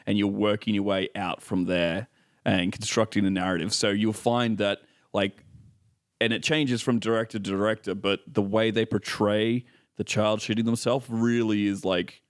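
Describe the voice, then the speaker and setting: A man with a fairly low voice giving mock-serious film commentary on a comedy podcast. The sound is dry and close, with no room around it. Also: flat delivery, normal speed, dry recording. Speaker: podcast co-host. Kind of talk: improvised comedic movie chat.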